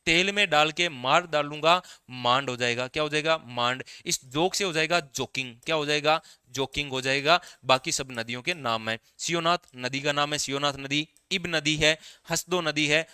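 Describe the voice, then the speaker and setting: A man teaching a live online exam revision class, quizzing students and answering for them in a way, his voice going hoarse. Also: a little high, bright, forceful tone, no room sound, studio quality. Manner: sings a rhyming memory trick. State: voice getting hoarse.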